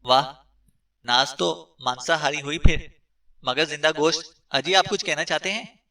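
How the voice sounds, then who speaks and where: A man's voice: on the high side, unhurried, pushed and bright, recorded from a distance. A man doing a cocky, smug young captive. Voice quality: teasing, smug.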